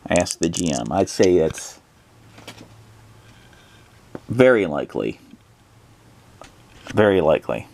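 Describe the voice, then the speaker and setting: A man's voice: low-pitched, very animated, slow, gravelly, long pauses, a little mellow, a little hiss or hum. A man narrating a solo tabletop adventure, thinking aloud with plenty of hesitations as he rolls and decides. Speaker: solo tabletop game player.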